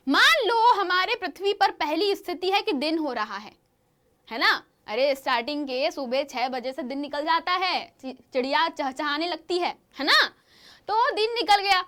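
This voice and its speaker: A woman teaching a science lesson to schoolchildren, with a lively, questioning manner, often asking the class to answer. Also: high voice. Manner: lively, questioning, addresses pupils as children.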